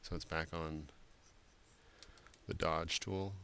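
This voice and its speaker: A man giving a screen-recorded software drawing tutorial, talking loosely with many fillers and restarts. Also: extremely low pitch, fairly even intonation, slow, gravelly, slight background noise. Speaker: art instructor.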